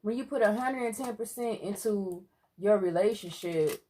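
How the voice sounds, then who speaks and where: A woman co-hosting a seafood eating video, chatting casually and earnestly about her relationship, and at times breaking into loud exclamations. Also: medium pitch, normal speed, a little hiss or hum. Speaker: mukbang co-host. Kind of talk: casual chat while eating. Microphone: close mic for eating sounds.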